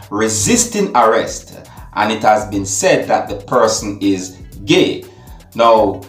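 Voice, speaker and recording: Man hosting his channel, lively pitch. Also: roomy sound. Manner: repetitive, addresses viewers often. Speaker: channel host. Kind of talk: video commentary.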